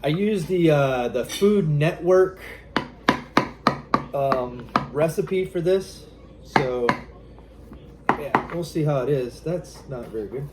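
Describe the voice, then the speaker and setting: A man's voice: a little high, expressive, slow pace, pauses often, heavy background noise. A man from Louisiana with a Southern accent, casually hosting a cooking vlog in his home kitchen, easygoing and rambling with fillers. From Louisiana, USA. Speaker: channel host.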